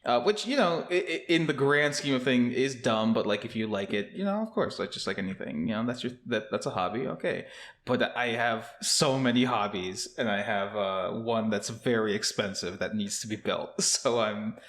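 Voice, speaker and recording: Speaking at a normal speed, a young man co-hosting a casual podcast sounds expressive, his voice low-leaning and fairly bright. Because his new home office is still empty and bare, his rambling, filler-heavy chat with frequent restarts bounces back with a cavernous echo.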